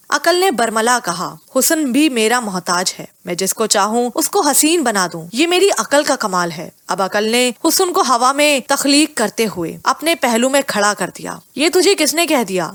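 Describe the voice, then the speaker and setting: A woman reading a novel aloud as an audiobook narrator, speaking in a lower voice for the quoted lines of an inner dialogue. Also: fairly bright tone, no room sound, clean studio sound. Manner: reads a dialogue between heart and reason, dropping lower for the quoted lines.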